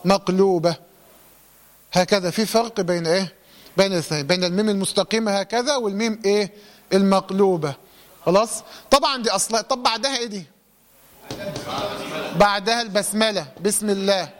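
A man's voice: sits high, brisk, long pauses. A man with an Egyptian accent teaching Quran recitation rules, asking questions and answering them himself. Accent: Egyptian Arabic. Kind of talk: tajweed lesson.

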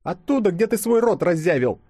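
A man voicing a brash, sharp-tongued young female hedgehog heroine in an audiobook, snapping out commands. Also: sits high, big pitch swings, brisk, husky, dry recording, clean studio sound, voice pushed up, full character voice.

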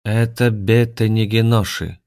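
Possessed woman, alien inside, cold, lifeless, slow, read by a man. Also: on the low side, little pitch movement, darkish tone, smooth, dry recording, studio quality, voice pushed up. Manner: indifferent, lifeless. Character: woman whose body is taken over by a cold alien.

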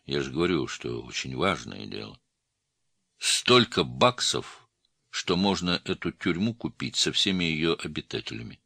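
A gruff, curt criminal prisoner, put on by a male audiobook reader, speaking in a very deep, dark, gravelly-low register that sinks lower still when he turns guarded. His lines are terse, clipped and tight. The recording is dry and close, with no room sound at all. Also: expressive, measured pace, no room sound, exaggerated voice.

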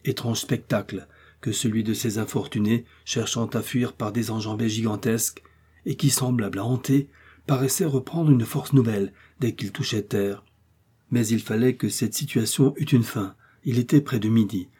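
Man reading an audiobook, dark mellow tone, bit husky, steady pace. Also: mid-range voice. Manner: steady, measured storytelling. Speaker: audiobook reader. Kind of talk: scripted audiobook narration.

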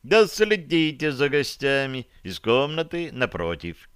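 A man's voice: medium pitch, very animated, unhurried, fairly bright tone, smooth, no echo, studio quality, pitched above the performer's own voice. A man voicing a stern, folksy male gang enforcer who draws out his commands in old-fashioned speech. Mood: instructing.

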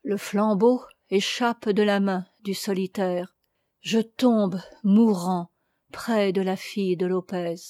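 Woman reading an old novel aloud, slow and dramatic, mid pitch. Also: fairly even intonation, warm tone, no room sound, clean studio sound. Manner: measured, dramatic. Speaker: audiobook reader. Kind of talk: literary narration.

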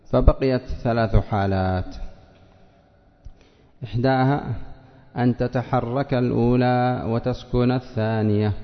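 Lower-voiced man teaching in a reverberant hall. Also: gravelly. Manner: reads a passage, then explains it step by step and quizzes students; drawls out example words slowly. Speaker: teacher of Arabic morphology. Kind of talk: classroom lesson reading and explaining a text. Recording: dull lo-fi lecture recording with long reverb.

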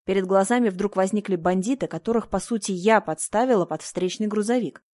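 A woman narrating a first-person story in a measured, introspective way, like an audiobook reading. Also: medium pitch, darkish tone, dry recording.

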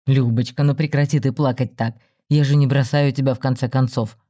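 A man playing a calm, self-justifying married man in an audiobook story, speaking slowly and soothingly. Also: mid-range voice, lightly acted. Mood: placating.

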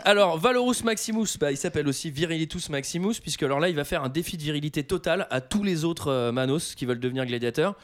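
A man's voice: fairly high pitch, fast, hardly any pauses. A man hosting a casual, jokey film chat podcast, retelling scenes with playful mimicry. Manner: animated, joking, mimics characters mid-story.

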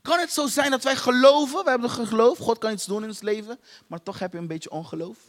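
A man with a very high voice preaches, hammering points home through repetition and direct questions to the congregation. His voice rings out in a large hall with a long, lingering reverb. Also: fast. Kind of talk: sermon.

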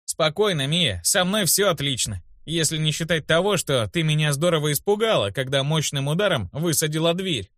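A cocky young slum kid, sarcastic and quick with a comeback. A man plays him, pitching his voice up a little, recorded close and dry. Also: expressive, fairly bright tone, no room sound. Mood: cheeky. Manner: wry, cheeky, sarcastic. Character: cocky slum boy in a child's body.

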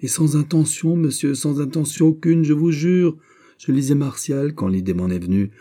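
A man's voice: a little high, moderate pace, warm tone, voice pushed up, natural voice. A man voicing a desperate eighteen-year-old prisoner who begs in anguish. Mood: pleading. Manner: anguished, begging.

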